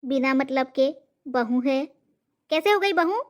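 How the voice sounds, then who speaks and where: A woman's voice: sits high, animated, takes it slowly. A woman doing a fierce scolding old mother. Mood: angry interrogating. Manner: scolding, shouting insults. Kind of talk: cartoon comedy voice acting.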